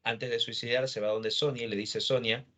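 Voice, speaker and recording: A man's voice: medium pitch, little pitch movement, moderate pace, bright, forceful tone. A man teaching literature, retelling a novel's plot and quoting the characters' lines, often adding a questioning tag.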